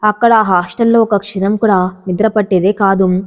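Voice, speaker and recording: A woman's voice: medium pitch, steady tone, moderate pace, big-room sound, close to an everyday voice. A woman voicing a tender, tearful young village woman who pleads emotionally in a storybook narration. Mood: pleading.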